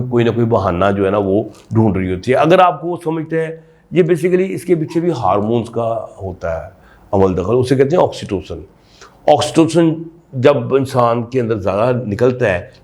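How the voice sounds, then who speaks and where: A man, a doctor giving an explanatory talk and leaning on rhetorical questions. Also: medium pitch. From Pakistan. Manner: lively, emphatic, frequent rhetorical questions. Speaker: sexologist doctor.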